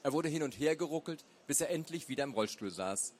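A man narrating a story aloud in a measured, dramatic way. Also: fairly high pitch, lively intonation, slight background noise. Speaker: reader. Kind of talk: audiobook narration.

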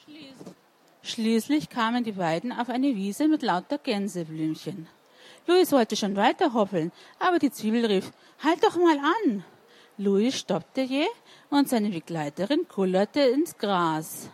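A woman's voice: fairly high pitch, very animated, measured pace, a little mellow. A woman reading a story to children and asking them questions as she goes. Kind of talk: interactive read-aloud storytelling.

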